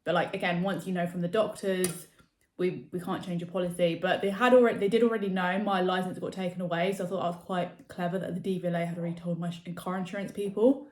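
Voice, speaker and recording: A woman's voice: fairly low pitch, steady tone, fast, darkish tone. A young adult woman chatting casually to camera as a vlogger, rambling with many fillers. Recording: echoey room.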